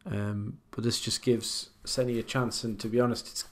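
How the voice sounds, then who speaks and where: This is a man with a mid-range voice giving casual commentary on an online pool match. He talks in a conversational way, often pausing to think aloud about the shot he would play himself. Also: mid-range voice, little pitch movement, fairly bright tone.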